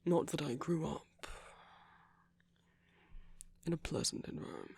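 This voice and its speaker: In an intimate ASMR roleplay, a man voices a gentle, wry magic-using villain comforting someone he loves, his delivery soft, hushed, measured and halting with pauses. His fairly high voice is breathy, husky and slightly creaky, sing-song and heavily acted, with a wistful, confiding mood and no echo.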